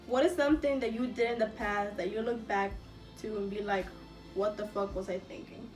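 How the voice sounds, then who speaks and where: Chatting candidly and with plenty of slang, this vlog co-host is eighteen, originally from El Salvador and raised in the United States since childhood. She talks fairly quickly in a mid-range voice with fairly even intonation during a casual Q&A, recorded roomy on a distant mic over background music.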